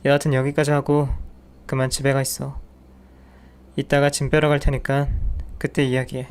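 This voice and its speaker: A man's voice: mid-range voice, monotone, normal speed, darkish tone, clean tone, lightly acted. A man voicing a cold, contemptuous husband who insults and dismisses his wife. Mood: dismissive. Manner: scornful, dismissive.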